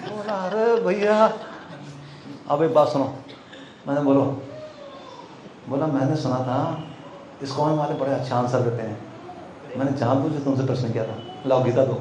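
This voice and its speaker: A man telling lively stories to a group, acting out both sides of his conversations and laughing often. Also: mid-range voice, moderate pace, pauses often. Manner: animated, acts out dialogues, laughs often. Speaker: monk telling book distribution stories. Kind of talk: storytelling talk to a group. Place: temple hall. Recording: echoey hall, faint background noise.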